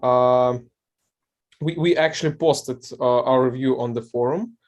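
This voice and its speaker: A man giving a halting report in an online meeting, over a video call. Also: mid-range voice, highs cut off. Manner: halting, many filler sounds. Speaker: community member giving a report.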